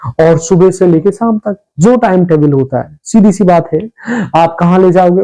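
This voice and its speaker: A man hosting a business ideas channel, giving casual advice in a rapid, repetitive way and calling his viewers brother. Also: on the high side, mellow, poor audio. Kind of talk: casual advice talk to camera.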